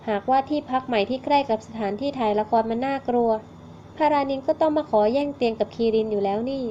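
A woman narrating a romance novel aloud in a steady reading voice, on a slightly muffled recording. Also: high-pitched, fast talker, slight background noise. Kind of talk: storybook narration.

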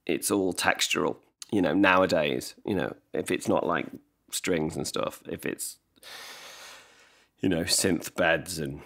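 An English songwriter in his forties, with a very low, gravelly, slightly bright voice, guests on a podcast via video call from his living room. He talks in an unhurried, casual way, rambling, poking fun at himself, and restarting often, into a desk mic on a stand.

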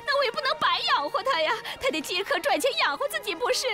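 A very high, sing-song voice belongs to a fawning, wily brothel madam in a period TV drama. Her pitch swoops up and down with each line. Music plays loudly behind her on the film soundtrack. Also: very animated, fast. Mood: defensive. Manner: fawning, shrill protesting. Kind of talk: TV drama acting.

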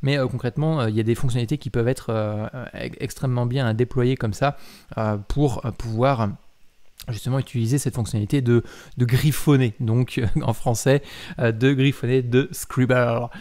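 A man, a mobile app developer, talking casually about a software update, hesitant with many filler sounds and self-corrections as he reads and comments. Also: medium pitch, fairly even intonation, fairly quick. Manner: reads aloud while commenting. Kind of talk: casual explanatory talk.

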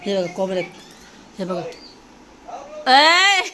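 Young mum from Maharashtra, family vlogger, high sharp voice, animated and repetitive, phone-recorded at home. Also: female voice, slight background noise. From Maharashtra, India. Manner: animated, repeats words in quick calls. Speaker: vlogger and mother. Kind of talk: casual family vlog.

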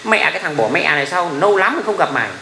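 High-pitched and rapid-fire, this middle-aged man's voice is bright and forceful, with vocal fry and plenty of animation. As a livestream host he rambles casually, cursing, being blunt, and laughing often. Faint ambient noise fills an echoey room.

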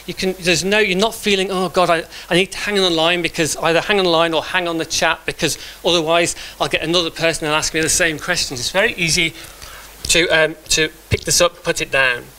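A middle-aged conference speaker with a fairly high, sharp-toned voice gives a live talk and demo in a meeting room. He talks a little fast and conversationally, with fairly even intonation, frequent restarts and fillers.

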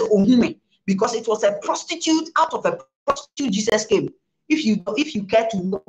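On an indoor studio set, a reverend guest, a woman with a Ghanaian accent, responds to interview questions in a preaching style, switching between English and Twi and repeating herself for emphasis. Her voice is on the high side, and the recording is roomy and rough.

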